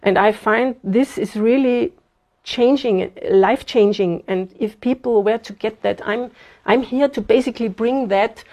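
A woman's voice: a little high, unhurried, warm tone. A woman in her fifties, from Austria, speaking as an interview guest, earnest and thoughtful with frequent fillers. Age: 50s. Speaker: guest, bitcoin advocate. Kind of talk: casual interview talk.

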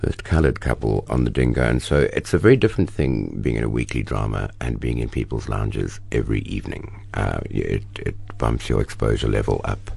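A middle-aged South African actor, appearing as an interview guest, tells stories with expressive, animated bursts. His rumbling low voice is brisk and creaky with a breathy edge, he rarely pauses, and there's no echo.

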